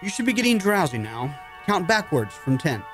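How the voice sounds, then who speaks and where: A man's voice: fairly high pitch, sing-song, moderate pace, a bit bright, faint music behind. A man acting in an old-time radio drama as a probing, authoritative army psychiatrist with a clipped, commanding manner. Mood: clinical.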